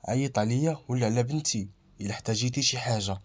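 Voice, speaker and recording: A man's voice: mid-range voice, fast, lightly acted. A man voicing a polite old café woman. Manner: polite, kindly.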